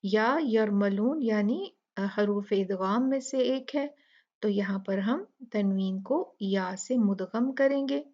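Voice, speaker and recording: Speaking slowly in a mellow, mid-range voice, a woman gives a step-by-step lesson on Quran recitation rules. As a tajweed teacher, she patiently explains and demonstrates each word aloud, and the sound is lo-fi.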